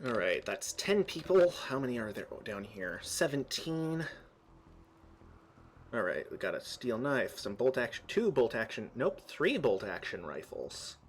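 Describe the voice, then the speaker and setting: A man's voice: medium pitch, big pitch swings, unhurried, a little hiss or hum. A man chatting casually while streaming a game, rambling through trivia and explanations with frequent restarts. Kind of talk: casual gameplay chat.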